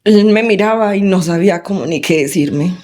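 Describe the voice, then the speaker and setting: A woman, recounting a painful memory in an interview, halting with frequent pauses. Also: lowish voice, darkish tone. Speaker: victim's daughter. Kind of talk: interview testimony.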